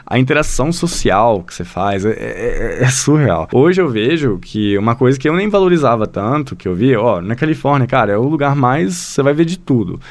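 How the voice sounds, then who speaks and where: A man's voice: medium pitch, very animated, a little fast, hardly any pauses, dry recording. Brazilian man telling stories in rambling chat. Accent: Brazilian Portuguese. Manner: rambling, filler-heavy storytelling that often addresses the listener. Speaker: guest, language school founder. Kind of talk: casual podcast conversation.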